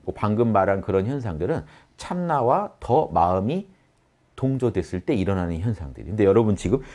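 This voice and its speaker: A man teaching meditation in a lively spoken lecture, often acting out the inner voice in quoted asides. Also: fairly low pitch, brisk. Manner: addresses listeners directly, animated.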